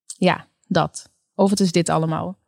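A woman's voice: on the low side, steady tone, unhurried, vocal fry, no echo, studio quality. A woman reading as a teasing young boyfriend. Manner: teasing, impatient. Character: playful young adult man, eager boyfriend.

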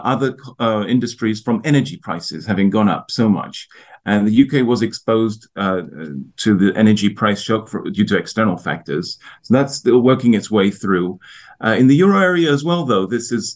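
Low-voiced man, halting interview answers. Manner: hesitant, halting delivery with repeated words. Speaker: economist guest, IMF research division head. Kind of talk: broadcast interview answers on economics.

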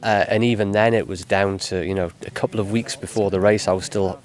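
This is a man with a low voice, a cyclist being interviewed. He talks in a modest, easygoing way. His answers wander, full of "you know" and "like.". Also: brisk. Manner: modest, relaxed, rambling with fillers like "you know".

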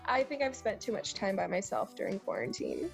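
A young Southern American woman, a guest talking casually and animatedly in an interview, with quick rants. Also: medium pitch, huge pitch swings, vocal fry, faint music behind. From United States. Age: young adult.

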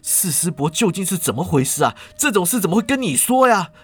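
A man's voice: high-pitched, very animated, brisk, breathy edge, soft background music, heavily acted. A man doing a flustered young healer-swordsman. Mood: defensive. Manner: pleading, protesting. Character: earnest young martial-artist healer, flustered and defensive.

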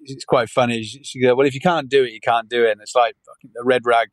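A man's voice: mid-range voice, little pitch movement, fast, no room sound, poor audio. A British man in his forties, a guest chatting casually in an interview, rambling with many restarts and fillers. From United Kingdom. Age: 40s. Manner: rambling, many restarts, frequent "yeah" and "you know". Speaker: podcast guest.

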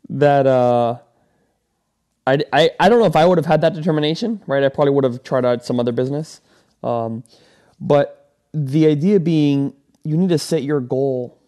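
Medium in pitch with a dark tone, this podcast host is a man in his thirties from Venezuela. Alone on his motivational show, he gives earnest advice rambly, heavy on fillers, ums and restarts.

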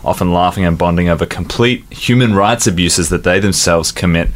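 A man's voice: low voice, fairly quick. A man co-hosting a radio show with chatty commentary. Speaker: radio co-host.

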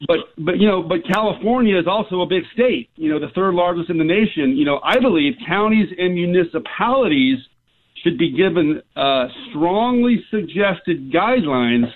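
A man's voice: sits high, lively intonation, normal speed. Earnest man on a tinny phone line. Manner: earnest, lays out numbered points with many "you know" fillers. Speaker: guest, small business owner. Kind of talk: phone-in radio interview. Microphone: telephone.

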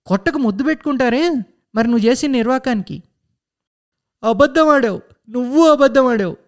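A man voicing a furious mother who shouts and scolds her young son. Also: very high-pitched, animated, fast talker, pitched above the performer's own voice.

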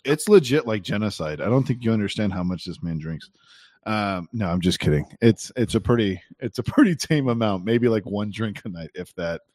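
Low-voiced man laughing through casual chat. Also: animated, brisk, a little mellow, no echo, studio quality. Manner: laughs often mid-sentence, rambling. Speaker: podcast co-host.

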